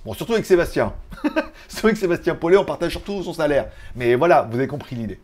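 A man hosts a casual tech news vlog, rambling chattily with joking asides and laughing at his own jokes. He talks fast, with a slightly high voice and lively intonation.

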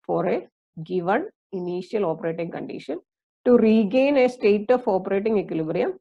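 A woman with an Indian English accent gives a recorded engineering lecture, explaining slowly with many fillers and repeats. Her medium-pitched voice is mellow, with vocal fry and a breathy edge, and the highs are cut off.

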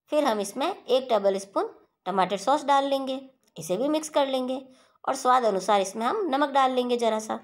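A woman who hosts a home cooking channel guides viewers through a recipe one step at a time. Her steady, instructional voice-over sits high.

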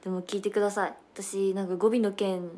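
A woman's voice: mid-range voice, flat delivery, fairly quick, warm tone. Young woman chatting on a livestream. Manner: chatty, switches between regional dialects. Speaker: idol livestream host. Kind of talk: casual livestream chat with viewers.

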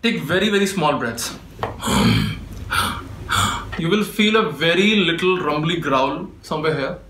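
Bright-voiced man teaching, echoey room. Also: fairly high pitch, a little slow, slight background noise. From India. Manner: patient step-by-step explaining. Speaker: beatboxer teaching. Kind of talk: spoken tutorial.

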